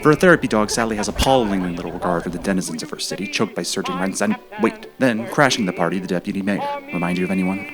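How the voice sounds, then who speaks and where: Deadpan deep-voiced man narrating. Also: fast, few pauses, music in the background. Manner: dry, wry and mock-serious. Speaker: filmmaker narrating his own film.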